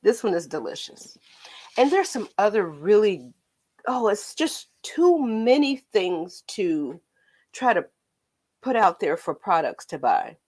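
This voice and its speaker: An American woman hosts a casual livestream in a tinny, faintly metallic voice at an average pitch. She rambles in a chatty way and tosses playful asides to viewers. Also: very animated, takes it slowly, darkish tone, slightly rough. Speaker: art teacher hosting painting livestream.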